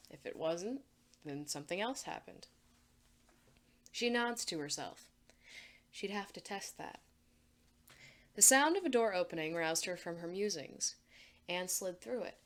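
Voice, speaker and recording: A woman reading a fan fiction story aloud, giving measured narration with rising and falling pitch.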